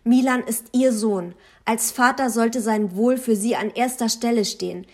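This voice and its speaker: A woman's voice: fairly high pitch, a little slow. A woman voicing a young woman who argues angrily in an audiobook. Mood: indignant. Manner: angry, shouting. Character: furious young woman fighting for a boy.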